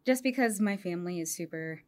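A woman's voice: lowish voice, lively intonation, brisk. A young adult woman from Indianapolis, speaking as a podcast guest in a thoughtful, hesitant way with many ums and likes. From Indianapolis, United States. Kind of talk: casual interview conversation.

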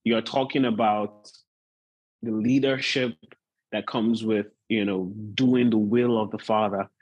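A man preaching as a guest pastor in an informal, measured, unhurried way, often repeating points for emphasis. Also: lowish voice, steady tone, darkish tone, no room sound, highs cut off. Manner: unhurried, measured delivery with deliberate repetition. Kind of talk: sermon, informal preaching to an online gathering.

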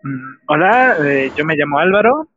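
A man's voice: on the high side, sing-song, normal speed, a bit bright. A man of twenty-five, introducing himself hesitantly with many fillers on a video call. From Mexico. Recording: dry lo-fi call audio.

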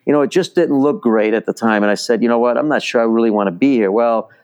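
A smooth-voiced man from Chicago, whose first language is Italian, tells stories in a fast, medium-pitched voice with a darkish tone. He's a baseball instructor appearing as a podcast guest, rambling through a casual interview with many fillers and restarts.

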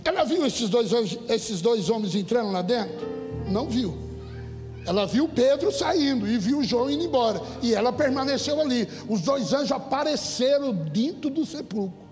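Brazilian male pastor, very high voice, fiery emphatic sermon, long church reverb with soft music behind. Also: expressive, moderate pace. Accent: Brazilian Portuguese. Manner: emphatic, rising to shouts; addresses the congregation directly. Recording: echoey hall with faint music.

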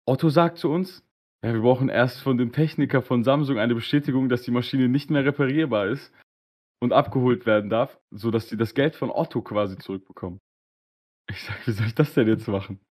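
A man hosting a casual podcast, telling a long anecdote in a slangy, animated way and acting out both sides of the conversations. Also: medium pitch, a little fast. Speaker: podcast host. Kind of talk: casual storytelling on a live-streamed podcast.

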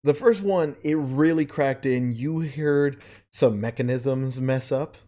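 A man running a tabletop game as game master over an online voice call, casual and quick to swear. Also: mid-range voice, dark tone. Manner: casual, swears freely, quick bursts of narration.

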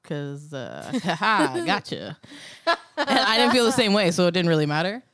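A woman's voice: fairly low pitch, sing-song, brisk, fairly bright tone, no room sound. Young woman, dry close sound. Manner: laughing storyteller, swearing. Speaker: podcast co-host. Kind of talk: casual chat.

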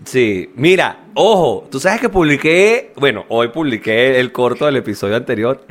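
A man's voice: medium pitch, normal speed. A man with a Venezuelan accent, co-hosting a podcast in casual chat, telling stories animatedly and acting out the voices of the people in them. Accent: Venezuelan Spanish. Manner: animated storyteller, acts out quoted voices, laughs often. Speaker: podcast co-host.

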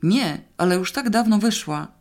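A woman reading the part of an unflappable woman homeowner, with calm, dry remarks. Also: medium pitch, normal speed, voice pushed up, lightly acted. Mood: lively. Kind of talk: audiobook character reading.

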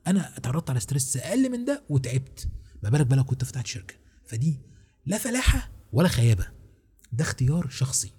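A man's voice: medium pitch, very animated, quick pace, dark tone, husky. A man with an Egyptian Arabic accent, hosting a podcast and giving casual advice in a joking manner, full of rhetorical questions. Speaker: podcast host.

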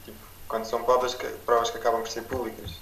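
A man's voice: mid-range voice, completely flat delivery, rapid-fire, fairly bright tone. A young man with a European Portuguese accent debating casually on a podcast in a slangy, sceptical way. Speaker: podcast co-host. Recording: roomy, distant mic, noisy background.

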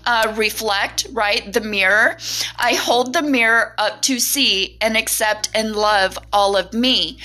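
Bright, rambling woman reading tarot. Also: mid-range voice. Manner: rambling, many fillers and "right?" tags. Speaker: tarot reader. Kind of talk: casual spiritual talk.

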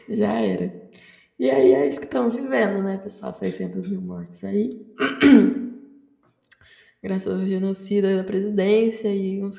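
Woman podcast host, gravelly, mellow, reflective, casual. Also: mid-range voice, echoey room. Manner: reflective, trails off with "sabe?".

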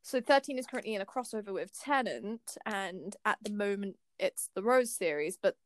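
A woman's voice: mid-range voice, lively intonation, moderate pace, slight background noise. A young woman co-hosting a casual fan podcast, talking in an enthusiastic, rambling way full of fillers and restarts. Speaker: podcast co-host.

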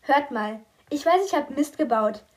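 Lady voicing a fifteen-year-old girl, high and indignant, audiobook style. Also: animated, moderate pace. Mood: pleading. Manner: protesting, incredulous. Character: teen girl, fifteen, defiant and pleading. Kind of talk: audiobook reading.

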